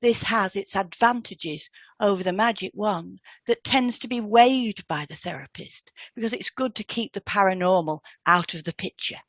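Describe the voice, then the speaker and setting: With a medium-pitched, slightly bright voice at a moderate pace, a hypnotherapy trainer co-hosts an educational podcast. She reads scripted explanations aloud in an instructive way, and there's no room sound.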